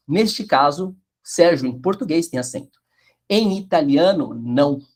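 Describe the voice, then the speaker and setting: A man teaching Italian pronunciation in an online class, explaining with a sing-song lilt and checking the chat. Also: fairly high pitch.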